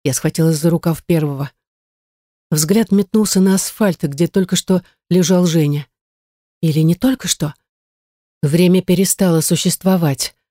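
A woman's voice: on the low side, normal speed, warm tone, no echo. A woman reading a first-person novel in a tense, dramatic way into a close studio mic. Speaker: audiobook narrator.

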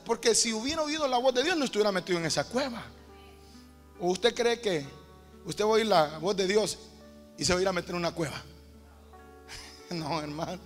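A man's voice: high voice, lively intonation, normal speed, long pauses. A man preaching a sermon in a church, emphatic and calling his listeners brother again and again. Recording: reverberant hall with faint music.

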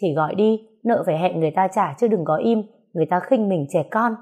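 A woman's voice: fairly low pitch, fast talker, dark tone, close to an everyday voice. A woman reading a story aloud, voicing a bossy, foul-mouthed older woman. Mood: scolding. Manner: blunt, scolding, swearing.

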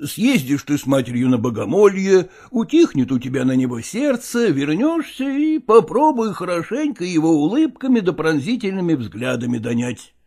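A man playing a pragmatic older merchant father who coaxes his daughter in a dramatized reading, with a husky, gravelly voice and folksy persuasion. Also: a little high, very animated, normal speed, hardly any pauses, mellow. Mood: coaxing.

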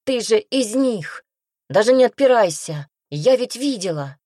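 A woman's voice: mid-range voice, animated, normal speed, dry recording, clean studio sound, voice pushed up, close to an everyday voice. A woman reading an audiobook aloud, voicing an anxious and stubborn young village girl who pleads and insists. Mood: insistent, worried.

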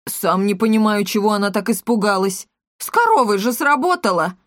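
A woman's voice: mid-range voice, lively intonation, fairly quick, a bit bright, no echo, studio quality, lightly acted. Woman doing a jolly clueless father. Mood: blustering. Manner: jolly, pleased with himself. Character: silly boastful middle-aged father, cheerful and clueless.

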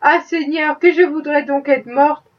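A woman voicing a bitter, gruff old woman who talks in a surly, grumbling way. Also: steady tone, a little slow. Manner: surly, grumbling, low muttering. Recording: dull, distant-sounding audiobook recording.

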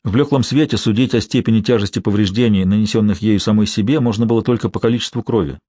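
A man reading a thriller audiobook aloud in an even, measured way. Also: lowish voice, dry recording. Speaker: audiobook narrator. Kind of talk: scripted narration. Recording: dry studio sound.

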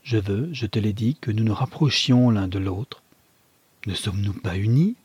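A man's voice: normal speed, darkish tone, slightly rough, dry recording. A man voicing an unhappy young wife who pleads earnestly with her husband in a read novel. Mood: pleading. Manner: earnest, rising in pitch when pressed.

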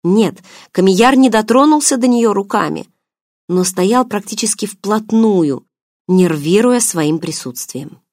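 A woman reading an audiobook novel in an even, measured way. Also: mid-range voice, no echo, studio quality. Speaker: audiobook narrator. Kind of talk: scripted audiobook narration.

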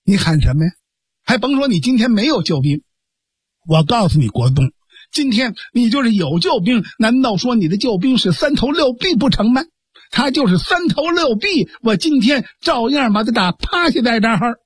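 A man voicing a bold, proud young woman martial artist who scolds briskly, with a husky voice. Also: very high voice, sing-song, no room sound, studio quality, pitched above the performer's own voice, full character voice. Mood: scolding.

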